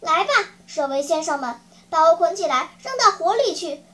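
A woman's voice: very high voice, animated, normal speed, fairly bright tone. A woman voicing a brave, earnest wooden puppet boy who pleads for a friend.

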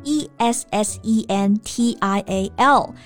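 A woman's voice: medium pitch, takes it slowly. A woman co-hosting an English lesson podcast in a bilingual, scripted teaching chat, explaining each word and spelling it out letter by letter. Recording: soft music behind.

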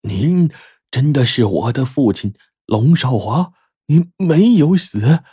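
A man's voice: sing-song, normal speed, warm tone, husky, dry recording, studio quality. A man voicing an astonished young man who is overwhelmed on meeting his lost father. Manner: astonished, high-pitched exclamations. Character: young man from Taiwan, stunned and emotional son.

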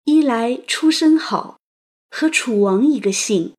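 A woman narrating a written story as an audio host, in a playful, chatty manner with lively asides. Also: a little high, slow pace.

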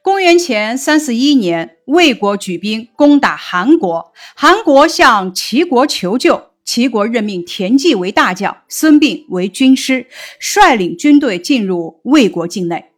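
A woman's voice: fairly high pitch, big pitch swings, a little slow, hardly any pauses. Woman teacher reading a lesson aloud.

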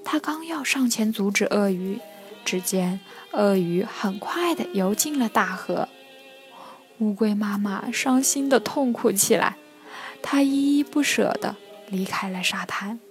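A woman narrating a children's bedtime story in a soft, expressive way, sometimes dropping to a hush. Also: mid-range voice, measured pace. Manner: soft, expressive, often hushed. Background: faint music.

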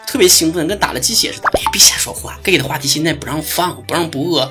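A man's voice: fairly high pitch, fast talker. A man with a Northeastern Chinese Mandarin accent hosting a casual comedy talk show, playful and boastful, often breaking into laughter as he talks. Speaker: comedy show host and online broadcaster. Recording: voice over prominent background music. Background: music.

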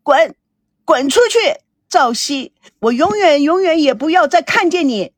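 A woman's voice: high voice, lively intonation, unhurried, no echo, voice pushed up. A woman voicing an adult daughter who screams in frantic despair in a hospital room. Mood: screaming.

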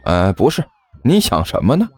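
A man's voice: mid-range voice, huge pitch swings, normal speed, a little mellow, husky, no echo, faint music behind. Guy voicing a flustered baffled man, kinda fed up, dry close sound. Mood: exasperated. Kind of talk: storybook narration.

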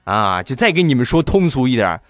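A man's voice: medium pitch, big pitch swings, fairly quick, loud music behind the voice. A man telling funny childhood stories in a playful, teasing comic monologue. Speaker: comedian storyteller.

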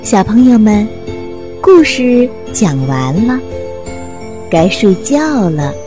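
A woman gently introducing and closing a children's bedtime story, speaking softly. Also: medium pitch, very animated, takes it slowly. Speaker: bedtime story show presenter. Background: tinkling music.

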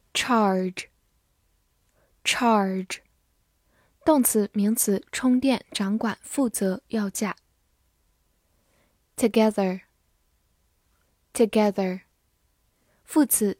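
Very slow, deliberate woman reading vocabulary. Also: mid-range voice, a little mellow, no echo, studio quality. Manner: measured, repeats each word twice then gives meanings. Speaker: English vocabulary teacher.

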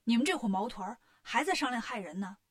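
A brash monkey king hero, as a woman storyteller voices him, snapping out orders in a brisk, direct way. The voice stays near the teller's own, fairly high. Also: expressive.

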